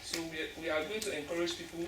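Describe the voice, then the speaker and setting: After a stage play, a woman from Africa speaks emphatically as a panelist in an earnest discussion with the audience, often restarting her phrases. Her deep voice is a bit bright, and she talks fast. The noisy recording was made from far off in an echoey school hall.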